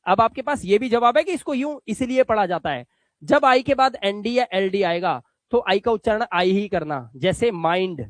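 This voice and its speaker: A man's voice: high-pitched, animated, moderate pace, no room sound. A man teaching English phonics in a spoken lesson, patiently repeating rules and stretching out example words, often checking that the learners follow. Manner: coaxing, checks understanding often.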